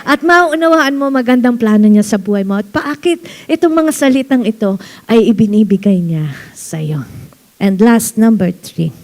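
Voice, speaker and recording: A woman pastor preaching a sermon in church, animated, slowing down to read verses and laughing often. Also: on the high side. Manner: animated preaching mixing Tagalog and English, reads verses slowly, laughs often.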